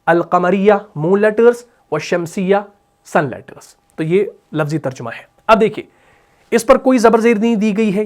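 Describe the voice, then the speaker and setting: A man teaching Arabic grammar, reciting words slowly and clearly, then explaining them quickly with repeated questions to the class. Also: sits high. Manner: repeats and asks rhetorical questions. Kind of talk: classroom lesson explaining a textbook.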